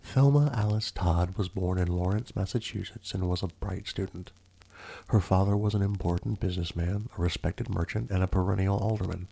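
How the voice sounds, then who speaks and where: A man hosts a true crime podcast as an ASMR narrator. His voice is very low and gravelly, with a dark, mellow tone. He phrases things like a formal, theatrical storyteller. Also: a little fast, low-quality recording. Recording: faint music behind the voice. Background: faint music.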